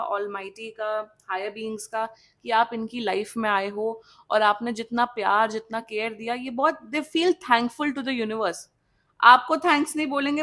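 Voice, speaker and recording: Chatty woman reading tarot. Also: a little high. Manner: chatty, animated, mixing Hindi and English, frequent restarts. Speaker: tarot reader. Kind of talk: casual tarot reading in Hindi-English mix.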